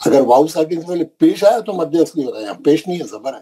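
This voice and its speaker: A man teaching Quran recitation in an online class, drilling syllables slowly and checking in with his students. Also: on the high side, big pitch swings, dark tone, breathy edge, poor audio.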